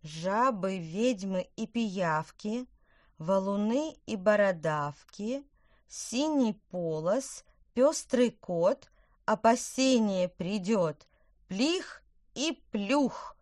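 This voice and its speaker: A woman voicing an excitable young witch. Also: dry recording, clean studio sound, lightly acted. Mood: chanting. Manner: high, loud and insistent, chants spells slowly.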